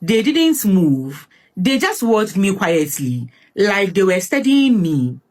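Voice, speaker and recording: A woman narrating a dramatic first-person true-life story in a slow, expressive way. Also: mid-range voice.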